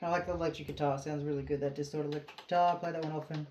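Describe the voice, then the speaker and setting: A man's voice: on the high side, steady tone, very fast, distant mic, dull audio. A man casually reviewing keytars in his small home studio, rambling and enthusiastic, with many fillers. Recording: roomy studio with keyboard music behind.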